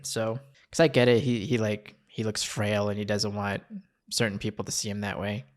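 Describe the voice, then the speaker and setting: A man's voice: fairly low pitch, flat delivery, normal speed, noisy background. A man giving casual, informal and sweary reaction commentary while watching an anime film. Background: faint music from the film.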